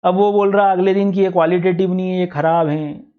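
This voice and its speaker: A male teacher giving a classroom lecture, who keeps asking the class for quick answers. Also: sits high, fairly even intonation. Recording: dull lo-fi classroom recording.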